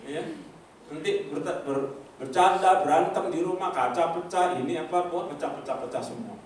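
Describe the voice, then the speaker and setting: An older man preaching a personal testimony, telling stories with animated asides to the congregation and acting out the voices of others. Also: on the high side, moderate pace, a little hiss or hum. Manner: lively storytelling, acts out voices, congregation asides. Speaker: pastor. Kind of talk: sermon testimony. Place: church hall. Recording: echoey hall from far off.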